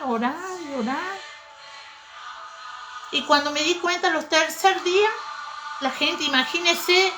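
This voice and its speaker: A woman's voice: very high voice, rough recording. A woman giving an emotional faith testimony, fervent and pleading, with repetitions. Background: music.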